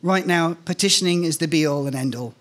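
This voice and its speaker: A middle-aged man's voice, on the high side and fairly bright, moves along at a fairly quick clip. He is reading a first-person short story from a script at a live event, standing on an indoor stage close to a microphone on a stand.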